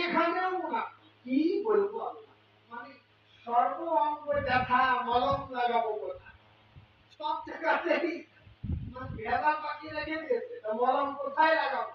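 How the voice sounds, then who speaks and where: A male preacher with a Bangladeshi Bengali accent giving a fiery sermon. He shouts rhetorical questions at the crowd and chants Arabic prayers melodically. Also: very high voice, slight background noise. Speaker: Islamic preacher. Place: religious gathering. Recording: echoey distant hall, lo-fi and dull.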